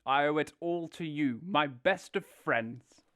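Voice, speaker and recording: A man's voice: on the high side, takes it slowly, bright, forceful tone, no room sound, clean studio sound. A man playing a vain, dreamy toad with a theatrical, gushing manner in an audio drama. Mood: gushing, indignant. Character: vain, rapturous male toad, dreamy and car-obsessed.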